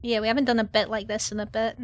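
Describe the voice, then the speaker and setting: A woman's voice: fairly high pitch, little pitch movement, very fast. A woman chatting casually as a co-streamer during a game, recorded on a close microphone. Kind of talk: casual chat while gaming.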